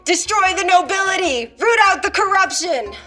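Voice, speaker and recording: Brief: zealous rebel shouters for a tabletop game, high and loud, voiced by a woman. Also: animated, moderate pace, faint music behind, exaggerated voice. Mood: furious. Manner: shouting slogans.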